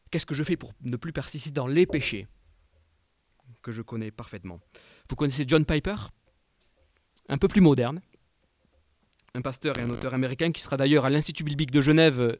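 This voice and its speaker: A man preaching an evening sermon, asking his listeners direct questions and swinging from emphatic peaks to quiet, low endings. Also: dry recording, clean studio sound. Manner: rising to emphatic peaks, then dropping quiet.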